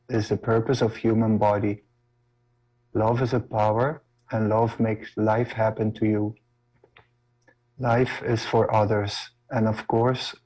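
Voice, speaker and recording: A man's voice: on the low side, a little mellow, rough recording. A man reciting a devotional testimonial, working through a list of spiritual terms.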